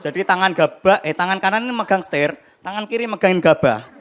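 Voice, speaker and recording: A young man performing a stand-up comedy set on a TV studio stage, telling animated stories with acted-out voices and sound effects. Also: sits high, fast. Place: television studio stage with live audience. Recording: noisy broadcast with loud crowd laughter. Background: audience laughter.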